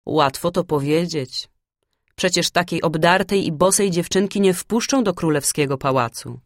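A woman voicing a gossipy old female crow who tells stories, speaking slowly and deliberately. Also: on the low side, no echo, clean studio sound, natural voice. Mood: knowing.

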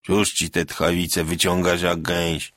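A man's voice: mid-range voice, sing-song, slow, bright, forceful tone, dry recording, studio quality, voice pushed up, heavily acted. A man voicing a drunk, boastful old peasant soldier who talks in rustic dialect with a swagger. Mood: gruff. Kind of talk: audiobook character voice.

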